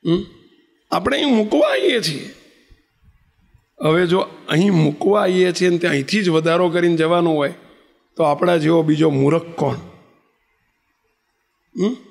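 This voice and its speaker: A man's voice: a little high, fairly even intonation, moderate pace, creaky, pauses often, a little mellow. A man, a spiritual leader, giving a storytelling sermon and asking the assembled audience questions. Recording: long reverb in a large hall.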